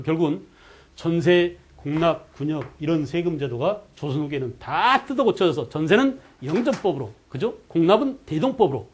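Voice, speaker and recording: Male history lecturer, high-pitched, drills students with quick questions and check-ins. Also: a little mellow. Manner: keeps checking in with students, asking "got it?"; quizzes students with rhetorical questions. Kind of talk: online exam-prep lecture.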